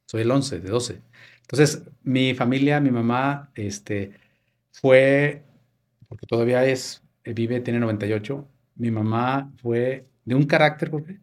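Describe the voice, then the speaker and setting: Telling family stories as a guest on a casual podcast, a man from Mexico in his fifties reenacts dialogues from the past. His voice is medium-pitched and unhurried.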